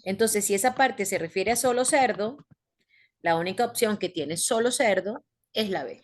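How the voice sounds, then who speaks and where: A patient woman teaching an online English class breaks lessons into steps and quizzes her students along the way. Her pitch is medium and her pace moderate.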